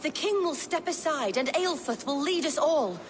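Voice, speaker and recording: A devout, defiant zealot in a game. Her high voice swings widely with haughty fervour, over clear background noise. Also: animated, normal speed. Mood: fervent defiance. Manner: haughty, fervent. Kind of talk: video game character acting.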